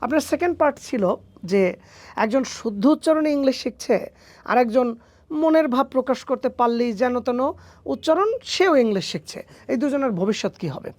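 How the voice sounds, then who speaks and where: A man's voice: very high-pitched, expressive, moderate pace, darkish tone, no echo. A man, a phonetics teacher answering interview questions emphatically with rhetorical questions. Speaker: English phonetics teacher, guest.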